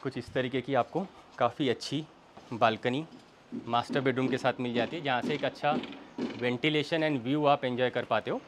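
A man's voice: mid-range voice, fairly even intonation, moderate pace, background noise. A young man from India giving a walking tour of a villa's bedrooms, inviting the viewer along in an easy sales patter, mixing Hindi with phrases. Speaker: real estate tour host. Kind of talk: property walkthrough. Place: indoors, large villa interior, walking room to room.

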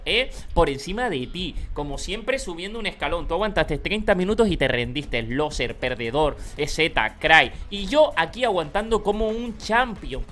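Young Canarian male streamer, bright, animated delivery, faint game music underneath. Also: sits high. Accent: Canary Islands Spanish. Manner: animated, swings from calm mutters to loud shouting. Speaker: gaming streamer. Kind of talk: excited live gameplay commentary.

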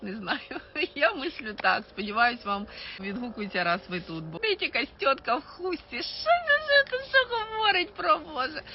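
A woman talks to her livestream viewers in a loose, animated way, often turning openly sarcastic. The recording sounds a little dull, with a faint hum underneath. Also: mid-range voice. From Ukraine. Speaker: aromatherapy product seller. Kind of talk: casual livestream talk.

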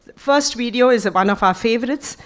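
A woman's voice: on the high side, fairly quick. Chatty woman. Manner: animated and chatty, with frequent little laughs and self-corrections. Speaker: author presenting her book. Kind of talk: conversational talk at a literary festival. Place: stage at a literature festival.

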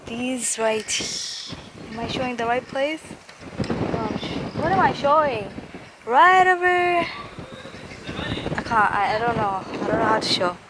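A young woman vlogging to her viewers with lively enthusiasm, recorded on a handheld camera at arm's length. Her voice sits a little high, and clear wind noise runs behind her. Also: measured pace, long pauses. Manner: chatty and enthusiastic, talks to the viewers. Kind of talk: casual travel vlog. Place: outdoors on windy safari grounds.

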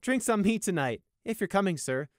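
A man voicing a brash, righteous male unicorn guard in an audiobook, cocky and quick to indignation. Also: high voice, animated, no echo, clean studio sound, pitched above the performer's own voice.

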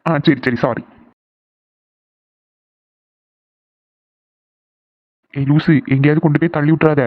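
An actor voicing a young husband and emotional son in an animated family cartoon, who teases and then pleads. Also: medium pitch, fast talker, dry recording, close to an everyday voice. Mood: teasing. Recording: dry, phone-like narrow sound.

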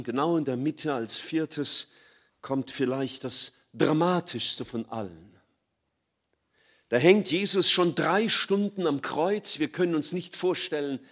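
A middle-aged man preaching an evangelistic sermon, swinging from loud emphatic peaks to hushed, low passages.

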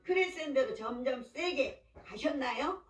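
A woman teaches a song class, counting in the beats and singing each phrase for her students. Her voice sits high and her talk is unhurried. She is heard from a distance in a roomy space, with faint backing music. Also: expressive. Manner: coaching, counting in beats, then singing lines out. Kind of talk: song lesson with sung demonstrations.

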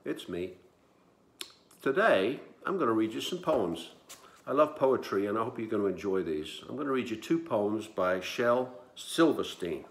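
A man around sixty reads children's poems aloud in an expressive storytelling manner, as if to a toddler. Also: fairly low pitch, moderate pace. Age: middle-aged to older, about 60. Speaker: poetry reader for children. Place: living room at home, indoors. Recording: echoey room, device microphone.

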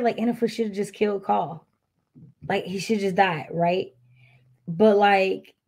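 A woman with a mid-range, creaky, somewhat dark voice joins a casual book discussion as a panelist on a video call from an indoor room. She is informal, repeats herself, circles back to earlier points, and poses rhetorical questions.

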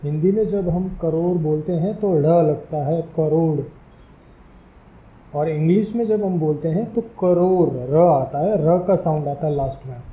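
A man's voice: on the high side, normal speed, hardly any pauses, narrow, tinny audio. A man teaching a spoken English lesson, spelling words out letter by letter in a careful, explaining manner.

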